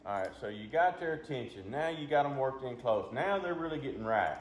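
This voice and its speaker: A man's voice: mid-range voice, animated, a little fast. A man giving a casual, hands-on lesson as a duck calling instructor, talking in a folksy, plain-spoken way. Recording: muffled, roomy, with background noise.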